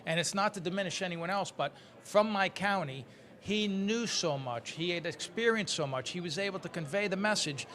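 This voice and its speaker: A man telling stories as a podcast guest, with a bright, slightly high voice. He talks in an animated way and laughs into his anecdotes. It is a casual chat. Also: normal speed. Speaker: guest instructor.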